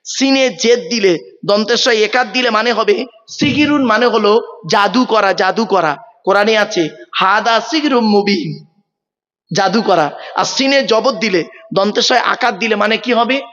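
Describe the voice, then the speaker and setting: A man gives a sermon to a gathering, asking the crowd questions and drilling the correct pronunciation of words. His voice sits high for a man. The recording is dull and lo-fi, and the voice trails off in a long hall reverb. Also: moderate pace, fairly bright tone. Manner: quizzing the crowd, stressing pronunciation. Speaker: preacher. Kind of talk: Bengali waz sermon. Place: large outdoor religious gathering.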